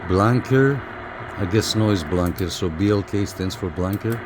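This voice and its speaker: The speaker is a man with a low voice who talks unhurriedly while doing a hands-on hobbyist review. Casual and hesitant, he repeats phrases and thinks out loud as he works, and background noise is clearly audible.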